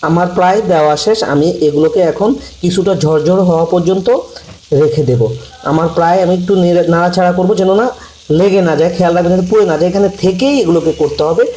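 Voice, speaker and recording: A man giving slow, repetitive step-by-step cooking instructions for a recipe. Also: high-pitched, fairly even intonation, mellow. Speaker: cooking channel host. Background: frying and sizzling from the pan.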